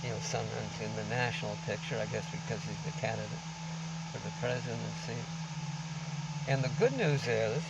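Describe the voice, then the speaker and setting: A man speaks through a face mask with a creaky, gravelly voice. He rambles informally like a vlogger, halting and then pressing his points. He is recorded outdoors at some distance from the mic, with very loud background noise. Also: lowish voice. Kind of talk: rambling informal monologue to camera. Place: outdoors on a beach.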